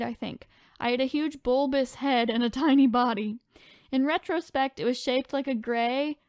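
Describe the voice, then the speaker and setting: This fairly high-pitched woman has a clean tone, with no room sound at all. She co-hosts a podcast, reading online stories aloud and chatting informally in a conversational style.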